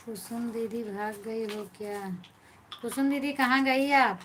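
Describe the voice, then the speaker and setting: Awadhi-accented woman, live-stream host, reads chat aloud and thanks fans, slightly high voice, faint hiss behind. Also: a little slow, a bit bright. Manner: chatty, thanks viewers by name, answers comments one by one. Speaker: folk singer hosting a live stream. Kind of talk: casual live-stream chat reading viewer comments.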